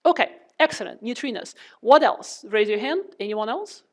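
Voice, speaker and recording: Woman lecturer talking thru a face mask, kinda high muffled voice, asks the class questions. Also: animated, moderate pace. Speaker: physics lecturer. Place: lecture room.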